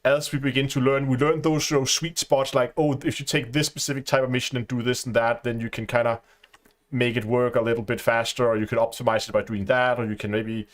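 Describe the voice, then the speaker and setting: A man's voice: medium pitch, flat delivery, brisk. A man speaking as a panelist in a live casual roundtable, thinking aloud with many restarts.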